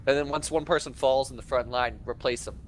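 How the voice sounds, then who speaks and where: A man's voice: steady tone, brisk. A man chatting casually over game voice chat while organising his team as a player. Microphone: gaming voice chat. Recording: game voice chat with engine rumble.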